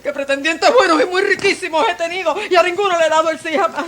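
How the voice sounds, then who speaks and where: A Cuban stage actress, in a theatre performance, plays the shoemaker's fiery young wife, quick-tempered and dramatic, in an extremely high, a bit bright voice with fairly even intonation and a quick pace. Exclaiming as she goes, she swings from scolding to lamenting, and the mood is one of lament.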